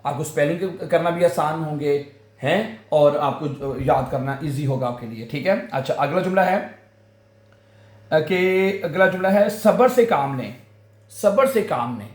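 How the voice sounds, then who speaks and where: Slow echoey Urdu-speaking German teacher. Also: male voice, a little high, expressive. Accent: Pakistani Urdu. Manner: slow, repeats words syllable by syllable with frequent "हैं" fillers. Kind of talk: language lesson.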